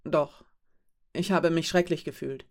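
A self-doubting young woman from a storybook, read by a woman narrator. She speaks calmly and matter-of-factly, with a low-key, even delivery. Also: unhurried. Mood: earnest. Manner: calm, matter-of-fact. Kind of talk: audiobook character voice.

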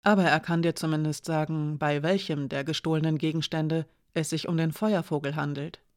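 A narrator voicing a watchful young woman who reasons calmly, in an audiobook. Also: medium pitch, normal speed, no echo, clean studio sound, lightly acted. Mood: measured.

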